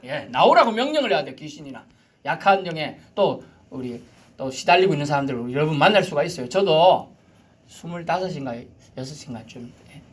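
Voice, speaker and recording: A man in his forties preaches a Sunday sermon in a bright, fairly high voice that swings widely in pitch. He shouts commands at full force, then falls back to soft, hushed asides. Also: very animated, brisk. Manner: dramatic, shouts commands and drops to near-whispers. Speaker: pastor.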